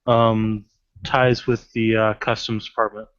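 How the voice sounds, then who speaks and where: A man acting as game master, talking in a deliberate way and checking rules aloud. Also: on the low side, level tone, fairly bright tone, clear, resonant tone, no echo, lo-fi sound. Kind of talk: narrating a tabletop game.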